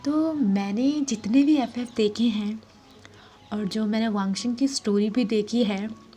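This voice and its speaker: Female narrator, reading fanfiction aloud, soft warm tone. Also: on the high side, measured pace. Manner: switches between narration and soft quoted lines. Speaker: fanfiction storyteller. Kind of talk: reading a fan story aloud, voicing all characters.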